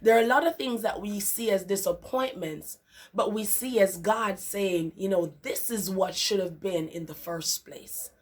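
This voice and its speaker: A woman's voice: mid-range voice, unhurried. A young woman hosting a motivational faith talk show, enthusiastic and repeating words for emphasis. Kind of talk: upbeat devotional talk.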